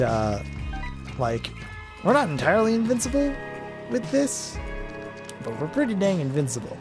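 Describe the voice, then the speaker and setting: Let's play host, male, slightly raised pitch, offhand rambling commentary. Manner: rambling, self-deprecating asides. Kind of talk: casual gameplay commentary.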